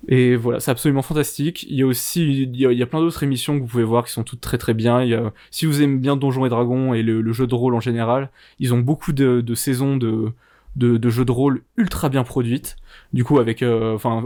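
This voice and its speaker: A man's voice: mid-range voice, darkish tone. A man co-hosting a podcast, casually and enthusiastically recommending shows, with frequent fillers and restarts. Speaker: podcast co-host.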